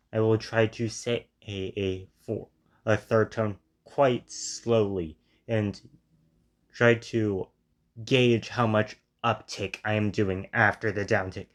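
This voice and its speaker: A man hosting a reaction video, analyzing and testing sounds on himself in a deliberate way. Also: lowish voice. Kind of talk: commentary on a played video.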